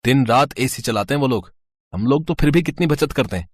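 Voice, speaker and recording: A man voicing a relaxed adult son in a cartoon, speaking in a reassuring, casual way. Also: mid-range voice, brisk, no echo, clean studio sound, voice pushed up, lightly acted.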